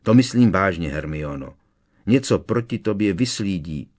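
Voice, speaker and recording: A man voicing a worried, nervous teenage schoolboy speaking quietly. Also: deep voice, lively intonation. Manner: quiet, anxious.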